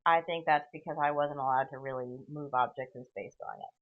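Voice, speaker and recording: A woman's voice: rumbling low, steady tone, fairly quick, phone-quality sound. A woman hosting a podcast, telling a long sardonic story full of tangents and "okay?" asides, recorded on a voice recorder. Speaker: podcast host. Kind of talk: rambling solo storytelling.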